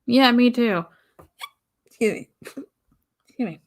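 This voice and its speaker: A young woman from the American South hosting her own podcast in a casual, rambling way, pausing often and sighing. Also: fairly high pitch. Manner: rambling, pauses often, sighs. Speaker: podcast host. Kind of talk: casual solo podcast talk.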